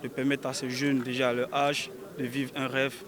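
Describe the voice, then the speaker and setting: Flat-voiced man amid a crowd. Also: mid-range voice, moderate pace. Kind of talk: press interview.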